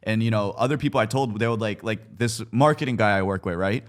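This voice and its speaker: With a fast pace and a lowish voice, this twentysomething content creator guests on a podcast. He's candid and informal about his personal life, dropping slang and the occasional swear word.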